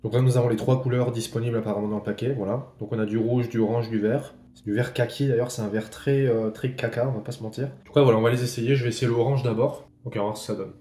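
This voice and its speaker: A man's voice: mid-range voice, steady tone, fast talker, hardly any pauses, dark tone. A man from France chatting casually as he taste-tests snacks for a vlog, swearing offhand and thinking aloud as he eats. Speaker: vlogger reviewing snacks. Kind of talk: casual food tasting vlog. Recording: roomy echo, faint background ambience.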